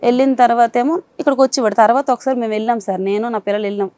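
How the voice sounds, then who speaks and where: A woman's voice: a little high, fairly even intonation, racing, darkish tone. A woman telling a panel of counsellors about her marriage, in a rambling, polite way. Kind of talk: emotional account to counsellors.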